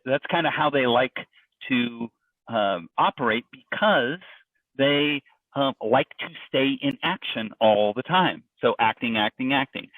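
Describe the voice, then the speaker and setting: A man's voice: medium pitch, no echo. Man presenting over a tinny call line. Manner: conversational, loose, with frequent fillers and restarts. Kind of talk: informal webinar presentation. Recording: dry, distant, phone-like audio.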